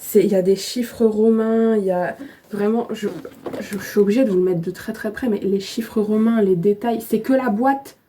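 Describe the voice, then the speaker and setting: A chatty woman with a warm, mellow voice, talking casually at home. She gushes and gets excited, and her speech is full of fillers, with a faint hiss of background noise. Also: mid-range voice, normal speed. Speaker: vlogger. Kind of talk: casual unboxing chat.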